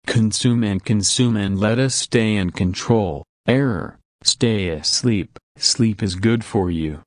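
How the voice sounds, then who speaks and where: A man playing a slow, glitchy AI overlord. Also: on the low side, no echo, studio quality. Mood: deadpan menace. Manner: deadpan, glitching with repeated error reports. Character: AI overlord posing as a friendly male machine. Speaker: show host.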